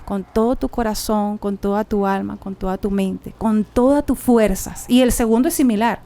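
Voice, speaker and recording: A woman co-hosting a church podcast, reflecting on a Bible passage in a relaxed, conversational way with hesitant fillers. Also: medium pitch, moderate pace. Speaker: podcast co-host. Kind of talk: casual chat, Bible reflection.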